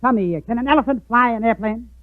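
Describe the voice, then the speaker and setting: A man's voice: very high-pitched, fast talker, dry recording. A man playing a scatterbrained, blithely daffy professor and hapless pilot in a 1940s radio comedy. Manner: daffy, blithely matter-of-fact. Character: zany, scatterbrained male professor and inept amateur pilot. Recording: tinny 1940s radio broadcast, faint noise.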